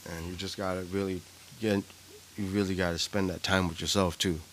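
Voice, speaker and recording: A man's voice: low-pitched, flat delivery, fairly quick, fairly bright tone, slight background noise. A man co-hosting a podcast, talking candidly and from the heart, often repeating himself. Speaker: podcast co-host. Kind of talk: casual chat.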